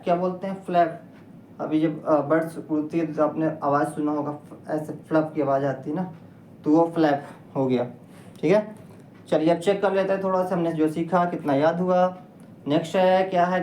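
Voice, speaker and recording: A woman's voice: lowish voice, warm tone. A woman teaching English vocabulary in a patient lesson, spelling words out letter by letter and quizzing her listeners. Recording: echoey room with faint noise.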